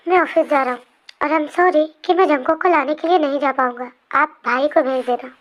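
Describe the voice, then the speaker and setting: A woman's voice: high voice, brisk, lightly acted. A woman voicing a remorseful young man who pleads with his lover, in an emotional fan storybook reading. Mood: uneasy.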